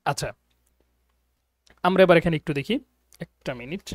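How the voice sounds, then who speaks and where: A man's voice: on the high side, moderate pace, no echo. A man teaching an online Arabic grammar lesson, patiently explaining and often checking that students follow. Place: abroad in Egypt, teaching online.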